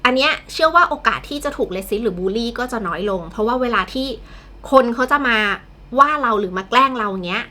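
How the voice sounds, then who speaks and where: A woman's voice: fairly high pitch, expressive, quick pace, sharp tone. A woman hosting a casual vlog chat, earnestly explaining her views at length. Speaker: vlog host.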